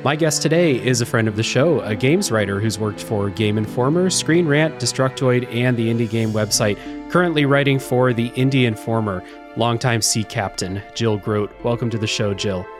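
A man's voice: mid-range voice, normal speed, few pauses, music in the background. A man hosting a video game review podcast, chatting casually with a guest and using frequent fillers. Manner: relaxed, conversational with frequent fillers. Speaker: podcast host. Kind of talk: casual podcast chat and read sponsor thanks.

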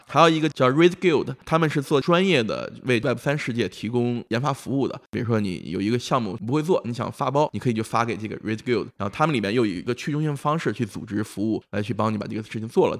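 A man with a mid-pitched voice talks rapidly in a casual podcast discussion. He explains informally and emphatically, often tossing in short tag questions. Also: vocal fry. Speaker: knowledgeable podcast speaker.

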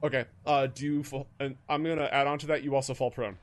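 A man's voice: mid-range voice, little pitch movement, quick pace. A man running a tabletop role-playing game, moving between dramatic narration and casual rules talk. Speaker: game master.

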